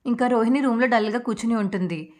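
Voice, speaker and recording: A woman narrating a TV serial episode in a brisk storytelling manner, linking scenes with repeated fillers. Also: a little high, a little mellow.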